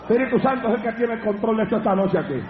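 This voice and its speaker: A man's voice: high-pitched, rapid-fire, crowd noise. A man, a pastor preaching fervently and acting out his own testimony. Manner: fervent, acts out his own dialogue in the story. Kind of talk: Pentecostal sermon with testimony. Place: church service. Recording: echoey church with lo-fi sound and congregation.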